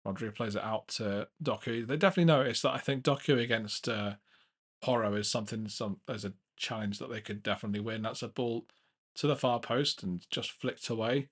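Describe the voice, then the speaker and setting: Young man, live match watchalong host, chatty play-by-play, restarts a lot, excited at chances. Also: mid-range voice, a little fast, husky. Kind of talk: live football watchalong commentary.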